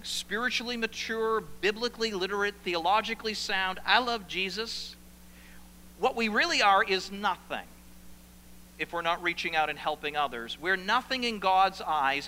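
Bright-voiced preacher man in an echoing hall. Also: high voice, expressive, normal speed. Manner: preaching with sudden loud emphatic rises; asks the congregation questions. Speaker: pastor. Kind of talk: sermon. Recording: reverberant hall, faint hum.

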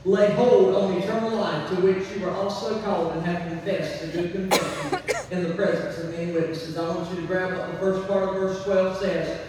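The sermon comes from a man serving as pastor in church, his voice sitting high with a level, darkish tone and moderate pace, a little weakened by laryngitis. Folksy and emphatic, he keeps repeating key phrases to the congregation. Faint noise and heavy hall echo surround the distant mic.

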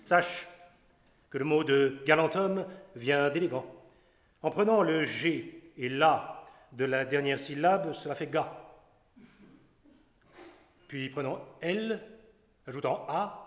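A man's voice: on the high side, slow, pauses often. An actor playing a pompous, boastful male doctor who lectures, counts out his points and shows off Latin, in stage acting of a classic comedy. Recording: echoey hall with long reverb.

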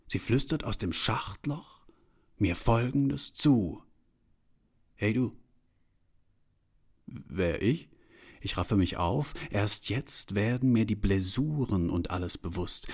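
A man reads his own short story in a low, unhurried voice. He lingers over the lines with deliberate, dramatic pauses, like a literary reading.

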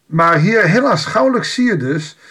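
A man's voice: sits high, animated, normal speed, fairly bright tone. A man giving an informal Bible devotional, reading a passage aloud and explaining it in a conversational way with wry asides.

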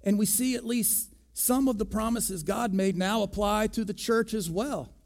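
A pastor preaching a sermon, deliberate and emphatic, pressing hard on key words. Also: male voice, sits high, gravelly, darkish tone.

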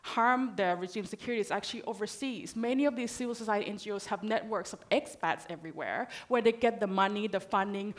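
Thai-born woman speaking on a panel. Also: a little high. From Thailand. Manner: conversational, frequent "right?" tags. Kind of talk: panel discussion talk.

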